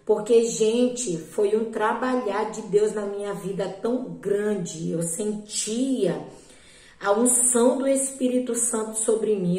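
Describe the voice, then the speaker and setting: A woman's voice: fairly high pitch, mellow, echoey room, low-quality recording. A Brazilian woman earnestly telling a religious testimony to a group, repeating herself and often checking in with her listeners. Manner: earnest, repetitive, often asks "né?". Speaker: believer giving a testimony.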